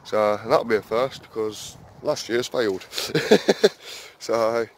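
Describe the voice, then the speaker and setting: Walking around his allotment and then stepping into a small garden shed, a man chats casually to viewers in a walk-and-talk vlog. His voice is on the low side and slow, packed with fillers as he keeps calling them "guys."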